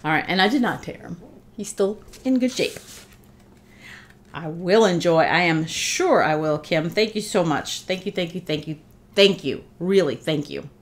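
A middle-aged woman vlogger sits in her living room unboxing a gift, chatting away with lots of fillers, restarts and warm, heartfelt thanks. She's slightly congested from a cold, her voice is on the low side, and she keeps a moderate pace.

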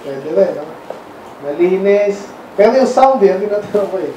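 A man's voice: sits high, lively intonation, normal speed, muffled recording, noisy background. A man from the Philippines giving a conversational sermon as preacher, often stopping to quiz the congregation with questions. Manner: quizzes the congregation with frequent questions. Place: church hall. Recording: very echoey hall, mic far off.

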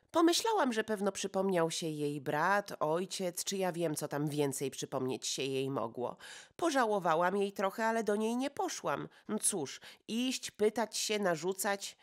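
A woman reading an audiobook, voicing an excitable, chatty young society woman who talks in breathless exclamations. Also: medium pitch, natural voice. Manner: breathless exclamations, gossipy rush.

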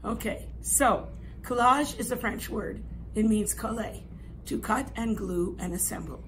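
A woman in her sixties with a medium-pitched, raspy, hoarse voice that sometimes drops to near a whisper gives an art lesson. She explains an assignment in an indoor classroom art room, instructive and emphatic, often checking understanding with "okay?". A camera a few metres away picks her up along with clear room noise.

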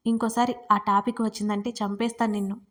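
A woman voicing a sharp-tongued young married woman who scolds her friend in an audiobook romance. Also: mid-range voice, level tone, quick pace, natural voice. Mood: irritated. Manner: scolding, snappy, exasperated. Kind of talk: audiobook character reading.

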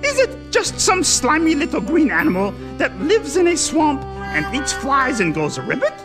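A man's voice: extremely high pitch, huge pitch swings, normal speed, full character voice. A man voicing a furry, eager, fussy male monster who talks in a theatrical, overly formal way, for a children's TV show. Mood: grandiose. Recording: children's TV with music underneath.

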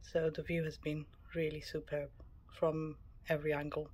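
A woman's low-pitched, slightly mellow voice stays level as she gives a casual tour of a small cabin, mostly on a small cruise ship. The travel vlogger speaks at a moderate pace, matter-of-fact, with ambient noise clearly audible.

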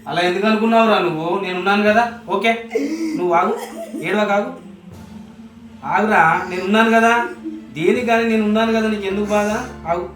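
A man playing a fast-talking, reassuring elder brother. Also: high-pitched, fairly even intonation, fairly bright tone. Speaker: actor in a short film. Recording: echoey room, mic at a distance, faint music.

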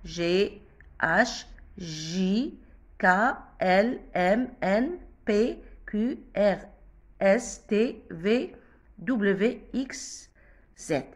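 A woman teaches in a casual spoken lesson, her pitch rising and falling in a lively way. Her voice has a soft, breathy edge. She patiently repeats and spells out each sound.

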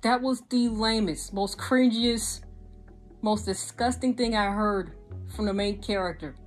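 A woman's voice: medium pitch, a little slow, soft background music. A young woman giving a frank, exasperated anime review in casual vlog style, talking with lots of hand gestures. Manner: animated, gestures a lot while talking. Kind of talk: casual video commentary. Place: small indoor room with a gaming desk setup.

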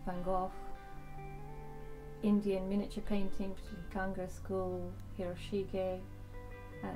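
A woman's voice: medium pitch, poor audio. A woman artist speaking thoughtfully in an interview. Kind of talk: interview monologue.

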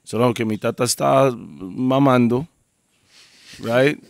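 A man with a Costa Rican accent hosting a podcast, joking and teasing with quick interjections. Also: medium pitch, vocal fry, dry recording. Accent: Costa Rican Spanish. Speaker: podcast host. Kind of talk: casual interview chat.

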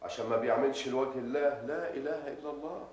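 An actor playing a sanctimonious husband who moralizes with pious sayings, in an Egyptian accent. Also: male voice, mid-range voice, rapid-fire, a little mellow, a little hiss or hum, natural voice. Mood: preachy. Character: self-righteous, preachy husband quoting pious sayings. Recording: echoey, distant, music behind.

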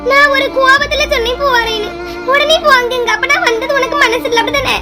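A woman's voice: very high-pitched, fairly even intonation, a little fast, over music. A woman with a Kanyakumari Tamil accent playing a complaining mother-in-law who nags in a comedy skit. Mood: scolding. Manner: nagging and self-pitying. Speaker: skit performer.

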